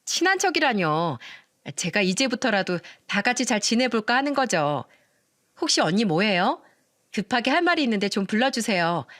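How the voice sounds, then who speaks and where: A woman's voice: on the high side, sing-song, moderate pace, a bit bright, no room sound, clean studio sound. A woman voicing a rude, greedy young sister-in-law who screams insults and demands money, in a storytelling reading. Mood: pushy. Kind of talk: storytelling radio drama reading.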